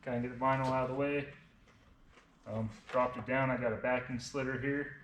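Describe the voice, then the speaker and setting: A man's voice: medium pitch, fairly even intonation, a little fast, a bit bright. A man in his thirties with a slight lisp from braces, casually narrating a hands-on tutorial step by step as he works. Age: 30s. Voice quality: slightly lisping speech from wearing braces. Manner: informal, explains each step as he works. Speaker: vinyl wrap installer, presenter of a how-to video. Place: indoors in a garage workshop. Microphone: camera on a tripod, a short distance away. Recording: echoey garage with clear background noise, clicks.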